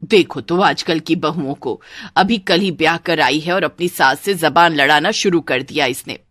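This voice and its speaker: A woman plays a bossy, scolding mother-in-law in an animated storybook, pitched lower and heavier than the storyteller's own voice. The recording is close and dry. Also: moderate pace, no echo. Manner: scolding, domineering. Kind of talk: Hindi storybook voice acting.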